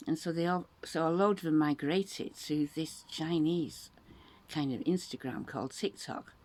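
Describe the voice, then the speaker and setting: A woman's voice: low-pitched, normal speed, darkish tone. A woman in her sixties from England, talking in a rambling, chatty monologue and animating her voice when quoting others. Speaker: vlogger. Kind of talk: casual monologue.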